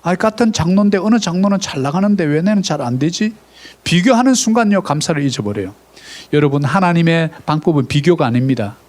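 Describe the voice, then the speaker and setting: A middle-aged male pastor preaches a sermon at a church service in a fairly high, fairly quick voice. He's animated, with rising exclamations and direct prompts to the congregation.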